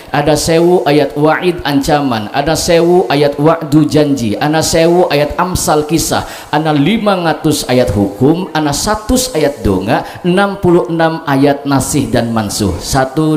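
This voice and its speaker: Joking preacher, echoey hall. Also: male voice, on the high side, darkish tone. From Cirebon, Indonesia. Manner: joking, banters with the audience. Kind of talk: religious sermon at a gathering. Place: evening religious gathering. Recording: echoey hall with faint ambient noise.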